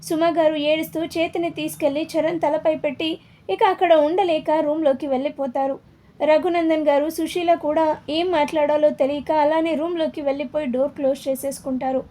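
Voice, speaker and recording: A woman narrating a serialized family story in a steady, plain storytelling manner. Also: high-pitched, moderate pace.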